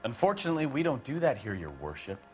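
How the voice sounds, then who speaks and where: Sardonic tough cop male actor, American detective partner for crime game, mid pitch, varied intonation. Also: sing-song, fast talker, faint music behind, close to an everyday voice. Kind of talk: video game crime drama acting.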